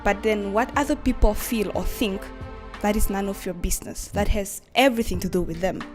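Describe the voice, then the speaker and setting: A woman's voice: mid-range voice, a little fast, music in the background. A woman contributing to a radio show, talking earnestly and asking rhetorical questions. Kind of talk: casual radio chat.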